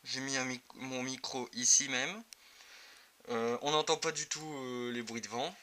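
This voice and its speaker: This man reviews motorcycle gear, giving an off-the-cuff, somewhat hesitant hands-on demonstration for a video. His medium-pitched voice is steady and sharp, a little slow, and the amateur footage is clearly noisy.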